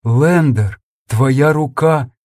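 A man's voice: medium pitch, very slow, a little mellow, no room sound, clean studio sound. A man reading the lines of a frightened, tearful woman who speaks in bewildered, trembling pleas.

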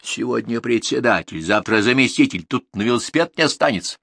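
A man's voice: mid-range voice, lively intonation, fairly quick, creaky, no echo, clean studio sound. A male audiobook reader voicing a blunt, hot-tempered young cattle herder who speaks curtly and in anger. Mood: angry. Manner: curt, angry, shouting at times.

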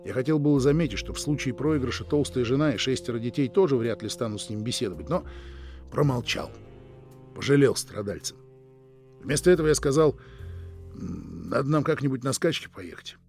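A man narrating an audiobook in a dry, even storytelling manner. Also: medium pitch, fairly quick, soft background music.

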